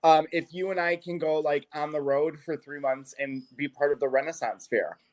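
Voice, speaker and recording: A man's voice: a little high, normal speed. A man from Chicago with a Chicago accent, co-hosting a casual podcast chat, playful and giggly. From Chicago area. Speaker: podcast co-host.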